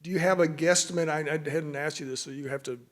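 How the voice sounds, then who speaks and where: A man moderating a panel, asking questions haltingly with many fillers. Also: a little high, fairly even intonation. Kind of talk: panel discussion.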